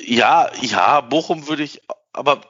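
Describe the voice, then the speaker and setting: A man chatting casually about football with friends, lively and joking. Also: mid-range voice, unhurried, slightly rough. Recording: dull lo-fi sound.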